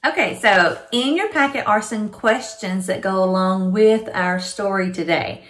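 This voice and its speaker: Middle-aged lady kindergarten teacher, bright voice, talks like she's reading to a toddler, asks simple questions. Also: mid-range voice, a little slow. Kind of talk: children's reading lesson. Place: small room at home, indoors.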